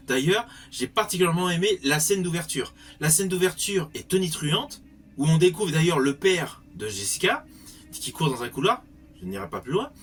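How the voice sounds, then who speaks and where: A man's voice: fairly high pitch, a bit bright. A man giving a spoken film review in an articulate way with formal wording.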